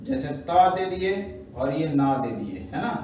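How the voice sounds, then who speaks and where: Guy teaching shorthand class, highish voice, far off mic, big echo, bit of hiss. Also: lively intonation, a little mellow. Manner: slow, repetitive teaching with frequent "है ना" and "ठीक है" checks. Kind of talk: classroom lesson explaining shorthand. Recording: echoey room, mic at a distance, faint background noise.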